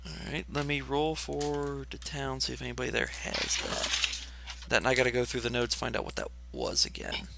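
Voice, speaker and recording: A man running a tabletop game as game master, unhurried, checking his notes and laughing easily. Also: medium pitch, lively intonation, gravelly, heavy background noise.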